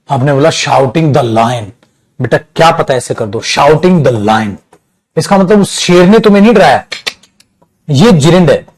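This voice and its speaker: A man's voice: fairly high pitch, low-quality recording. A man with an Indian accent teaching English grammar, explaining through repeated examples and acting out small dialogues, addressing students as "beta". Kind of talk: classroom lecture.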